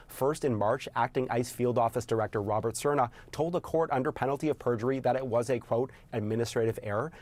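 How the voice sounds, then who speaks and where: A male reporter walks through a fact-check in a measured, organized news delivery. His voice sits at an ordinary middle pitch as he lists points in order. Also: a little mellow. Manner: brisk, methodical, enumerating points.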